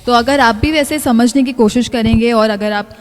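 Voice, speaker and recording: A woman's voice: fairly high pitch, normal speed. A woman hosting a livestreamed church session, thanking the pastor in long, earnest sentences. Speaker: program host. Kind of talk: closing remarks on a livestream. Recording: long hall reverb.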